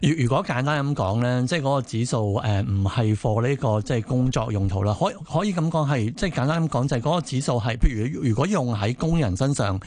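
Man, Hong Kong Cantonese accent, radio co-host, rapid speech, conversational, rephrasing questions. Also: medium pitch, lively intonation, a little mellow.

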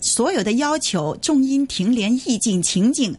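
A woman's voice: a little high, lively intonation, moderate pace, darkish tone, slightly rough. A woman language teacher explaining her course earnestly in an interview. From Hong Kong.

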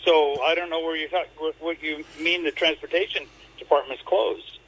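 A man's voice: fairly high pitch, fairly even intonation, moderate pace, fairly bright tone. A man calling in to a radio phone-in over a clipped phone line, talking casually and often restarting his sentences. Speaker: caller. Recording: muffled phone call on radio.

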